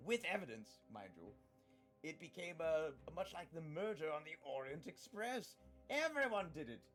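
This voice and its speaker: A man's voice: a little high, sing-song, moderate pace, soft background music. A man hosting a live stream, chatting casually and rambling through mock-grand stories with friends. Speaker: streamer host.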